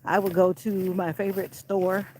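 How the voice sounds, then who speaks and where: A woman's voice: mid-range voice, level tone, moderate pace, a little mellow, slight background noise, rough recording. A woman chatting casually while walking a country road, out of breath, filmed on a handheld camera. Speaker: vlogger.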